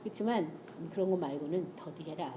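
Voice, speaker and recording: Brief: middle-aged woman, church testimony talk, warm mellow tone, lively storyteller, faint room noise. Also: low-pitched, brisk. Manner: animated storytelling, acting out family dialogue, frequent laughter. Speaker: church speaker sharing testimony. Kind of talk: testimony-style sermon talk.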